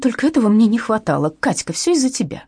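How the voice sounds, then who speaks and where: A woman voicing an irritable, sharp-tongued woman who snaps indignantly, in an audiobook. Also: a little high, very animated, fast talker, breathy edge, dry recording, clean studio sound, pitched above the performer's own voice, exaggerated voice. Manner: snappy, indignant.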